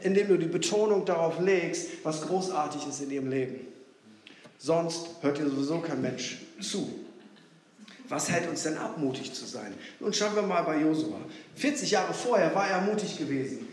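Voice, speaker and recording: Guy preaching a sermon, high voice, big echoey church hall, goes from loud to quiet and back. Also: moderate pace, a little hiss or hum. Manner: animated, swinging between loud exclamations and low asides. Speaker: pastor.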